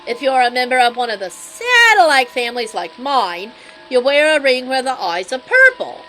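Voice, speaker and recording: A woman doing a brash, teasing New Jersey mob guy, pitched up high with a lively, bouncing delivery. He drawls with swagger. A faint bed of music sits underneath. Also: moderate pace, exaggerated voice, poor audio. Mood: explaining. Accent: put-on New Jersey. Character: sleazy swaggering male mobster, middle-aged. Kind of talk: voicing game dialogue on a live stream.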